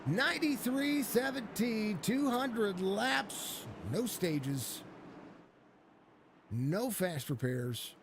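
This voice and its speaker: On a live sim racing stream, a race commentator and host with laryngitis talks hoarsely in a voice that sits high, with a little hiss or hum present. His filler-heavy play-by-play rambles through the grid, restarts often, and greets chat viewers.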